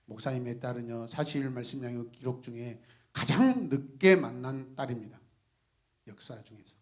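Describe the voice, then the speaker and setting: A male pastor preaching an animated sermon, shifting between soft asides, laughter and sudden shouts as he calls out to the congregation. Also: mid-range voice, moderate pace. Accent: Gwangju.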